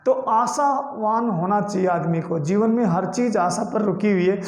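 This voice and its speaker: A man with a fairly high voice teaches a class, going over key terms one by one and mixing English into his Hindi. He talks slowly and deliberately. The classroom around him rings with echo. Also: a little mellow. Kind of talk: classroom lecture explaining a poem. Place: classroom with a board.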